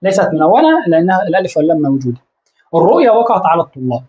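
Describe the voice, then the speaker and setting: A woman teaching an Arabic grammar lesson, often pausing to quiz her listeners with rhetorical questions and repeating words while she searches for the next one. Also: fairly low pitch, sing-song, lo-fi sound. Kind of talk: classroom-style grammar lesson.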